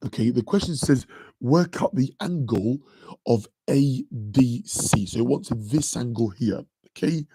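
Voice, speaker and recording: In a dry recording with no echo, a deep-voiced man teaches a live maths revision class at a measured pace, his tone dark, animated and slightly rough. The tutor chats away, peppering his talk with "okay" and "guys."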